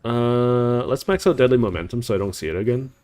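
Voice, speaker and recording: A man's voice: mid-range voice, fairly quick, a little mellow. A man giving casual gameplay commentary as a streamer, rambling with many "like"s and "uh"s. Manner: rambling, heavy on "like" and "uh".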